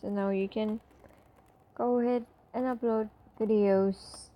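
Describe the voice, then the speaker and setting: Slow, mellow-voiced woman explaining an app. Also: medium pitch, fairly even intonation, poor audio. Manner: chatty, filler-heavy, walks through steps. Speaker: tutorial presenter. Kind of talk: casual screen-recording tutorial voice-over.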